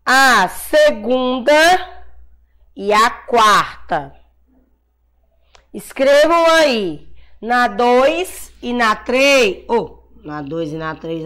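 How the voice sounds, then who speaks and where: Slow patient Brazilian teacher woman. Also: a little high, fairly bright tone. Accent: Brazilian Portuguese. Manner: patient, drawn-out syllables, sounding out letters; calls herself "tia", encouraging praise. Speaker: primary school teacher. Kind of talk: slow dictation-style class for young children.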